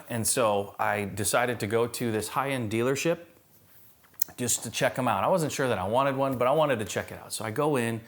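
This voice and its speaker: A man preaching a church sermon in a conversational storytelling way, acting out the dialogue he quotes. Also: on the low side. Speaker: pastor.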